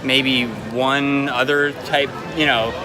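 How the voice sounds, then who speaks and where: Halting, casual man over park music. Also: mid-range voice, flat delivery, low-quality recording. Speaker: co-host of a food review show. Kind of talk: casual conversational food review. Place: outdoors in a busy theme park. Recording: busy outdoor crowd, music behind.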